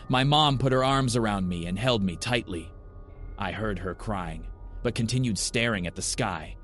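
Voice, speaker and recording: A man reading a scripted first-person horror story in a measured, somber way, and hosting the show. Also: low voice. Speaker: horror story narrator and host.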